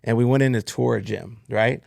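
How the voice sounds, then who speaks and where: Podcast host from Texas, a gravelly-voiced man, animated and profane, with a dry close mic. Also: mid-range voice, brisk, no room sound. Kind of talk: casual podcast conversation.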